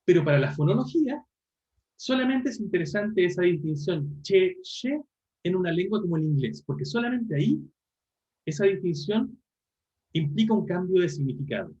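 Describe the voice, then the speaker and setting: A man teaches a university class online, his pitch a little high and very animated. He keeps checking in with the students and corrects himself as he goes. The audio is muffled and lo-fi, like a video call. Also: normal speed. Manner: explanatory, frequent tag questions and self-corrections. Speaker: university lecturer. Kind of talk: online linguistics lecture.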